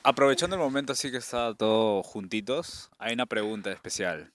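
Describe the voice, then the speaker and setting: A man's voice: lowish voice, animated, a little fast. A man hosting a casual chat, reading out viewer questions and laughing along. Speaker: host.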